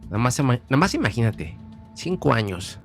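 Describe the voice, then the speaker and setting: A man's voice: mid-range voice, big pitch swings, a little fast, gravelly, faint music behind. A man from Mexico with a Mexican Spanish accent, a guest telling a personal story in a chatty way, often repeating phrases as he recalls. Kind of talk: casual storytelling.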